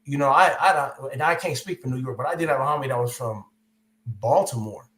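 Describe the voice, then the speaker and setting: A man's voice: medium pitch, fast, fairly bright tone. A man with a Californian accent, chatting casually on a music podcast, telling stories in a laid-back way with plenty of slang. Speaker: co-host. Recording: roomy echo.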